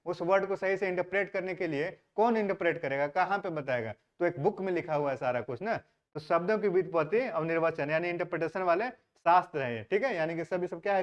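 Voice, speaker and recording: Dull lo-fi audio captures a high-voiced male teacher giving an exam-prep history lecture. He poses questions to his class and answers them himself, mixing English words into his talk.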